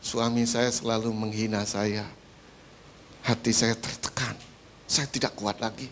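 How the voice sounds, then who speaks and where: A man's voice: mid-range voice, measured pace, a little hiss or hum, voice pushed down, lightly acted. A man voicing an aggrieved elderly wife who feels belittled, told plainly in a sermon story. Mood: hurt.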